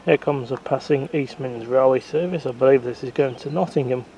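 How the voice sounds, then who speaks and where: A man's voice: medium pitch, a little fast, mellow. A man chatting casually to his handheld camera while out walking and waiting at a rail station, rambling and correcting himself as he goes. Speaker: travel vlogger. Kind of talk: casual walking vlog commentary. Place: outdoors in countryside and on a rail platform. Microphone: handheld camera mic. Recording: faint outdoor background noise.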